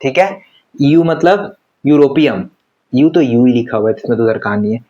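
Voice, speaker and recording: A man teaching chemistry in a casual lecture style. He talks conversationally and keeps firing quick questions at students, then answers them himself. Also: medium pitch, lo-fi sound. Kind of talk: classroom lecture.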